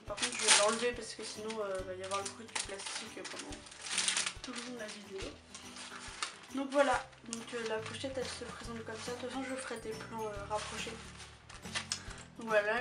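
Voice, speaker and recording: Chatty woman reviewing, distant mic. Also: on the high side. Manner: chatty, hesitant, many filler pauses. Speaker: beauty vlogger. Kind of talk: casual product review. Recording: distant mic with music behind.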